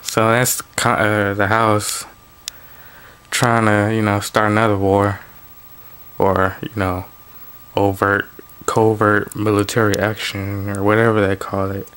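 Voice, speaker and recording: Guy reading political news off printouts, lowish smooth voice, pretty monotone, tosses in casual asides. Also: slow pace, long pauses. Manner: plain reading broken by offhand asides and restarts. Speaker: political commentary vlogger. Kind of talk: reading news articles aloud with casual commentary.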